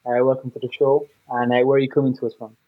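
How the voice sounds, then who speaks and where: A man's voice: mid-range voice, little pitch movement, fast talker, phone-quality sound. A man hosting a football podcast panel, introducing guests in a somewhat hesitant way. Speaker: show host.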